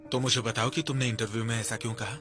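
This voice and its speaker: A man dubbing a young male manager who asks calm, probing questions, over background music. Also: mid-range voice, fast talker, close to an everyday voice. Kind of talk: Hindi dub of a drama. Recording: music under dialogue.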